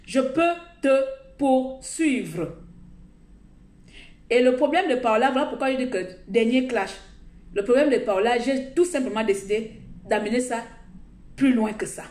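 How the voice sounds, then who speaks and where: A live streamer vents heatedly outdoors, addressing her followers directly with indignation and emphasis. She has a fairly high, darkish voice at normal speed, and it sounds reverberant.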